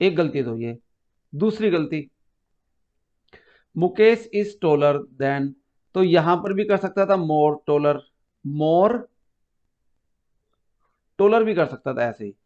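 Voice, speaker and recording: Guy teaching grammar, talks real slow n patient, quizzes the class, muffled lo-fi audio. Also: a little high, expressive, darkish tone. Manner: patient, step-by-step explaining with questions to students. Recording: muffled lo-fi recording.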